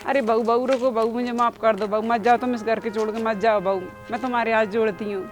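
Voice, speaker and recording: A woman's voice: fast, lightly acted. A woman playing a remorseful older mother-in-law in an amateur short film, speaking in a pleading way. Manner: pleading, with flat pitch. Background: background music.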